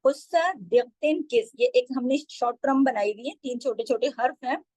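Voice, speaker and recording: A woman teaching tajweed, explaining patiently and drawing out syllables slowly when she demonstrates. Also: sits high, a little mellow, dry recording, low-quality recording. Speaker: Quran recitation teacher.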